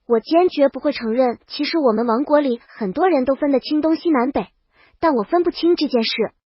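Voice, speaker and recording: An audiobook narrator with a notably high voice reads a scripted first-person story a little fast. The recording is very dry, without echo, and somewhat dull, like a lo-fi voice track.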